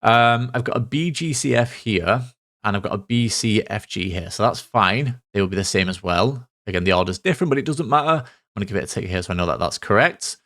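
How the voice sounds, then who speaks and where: A man, a maths tutor talking through a worked solution step by step, a little hoarse from losing his voice. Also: lowish voice, expressive, a little fast, fairly bright tone. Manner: methodical, talks through steps aloud.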